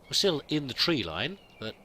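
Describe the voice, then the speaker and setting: A let's play gamer roleplaying a pilgrim speaks at normal speed with a medium pitch, big pitch swings, and a bright, forceful tone. Thinking aloud in character, he muses hesitantly and restarts many times. A little hiss or hum is audible.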